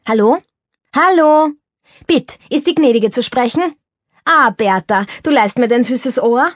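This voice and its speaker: A woman voicing an excitable, lovesick man, a stage actor, who talks in a gushing, emphatic with a husky tone. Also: on the high side, measured pace, no room sound, clean studio sound, voice pushed up.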